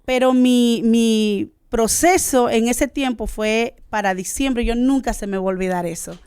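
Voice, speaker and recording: A Honduran woman in her thirties with a Honduran Spanish accent, telling her faith testimony as a guest in an earnest way, often pausing with "este". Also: fairly high pitch, darkish tone, clear, resonant tone, no room sound, studio quality. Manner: earnest, searching for words with many "este" fillers. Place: studio.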